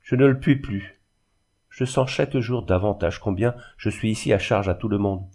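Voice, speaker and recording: A man's voice: lowish voice, normal speed, darkish tone. A man reading aloud and voicing a proud, unhappy young orphan girl who pleads earnestly. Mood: distressed.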